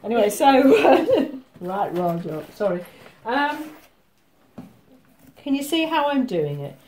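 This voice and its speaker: A woman's voice: a little high, sing-song, takes it slowly, crowd noise. Chatty woman teaching a class. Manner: chatty, jokey, explains step by step. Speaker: mosaic workshop teacher. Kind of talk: hands-on demonstration to a class. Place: indoor workshop with students.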